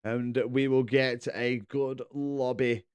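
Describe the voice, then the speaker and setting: A man's voice: medium pitch, slow, smooth. A British man hosting a stream and commentating on racing games in an emphatic, laddish way, mixing race calls with casual chat. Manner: excited, emphatic calling of race action, laddish. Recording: music behind the voice. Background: music.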